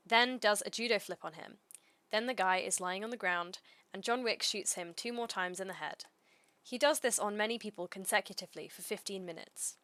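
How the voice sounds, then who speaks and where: With no room sound around her, a woman streamer speaks at medium pitch, reading aloud and chatting in a casual, deadpan manner. Her delivery stays dry and understated.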